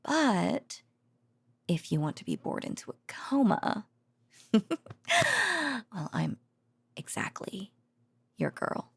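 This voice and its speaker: A voice actor, fully in character, murmurs an ASMR bedtime monologue as a loving, excitable researcher girlfriend soothing her boyfriend to sleep. At medium pitch, she draws out words and pauses often, breathy and soft to the edge of a whisper, chatty and hesitant with sighs and giggles. She sounds rambling and giddy, close to the mic with no room sound.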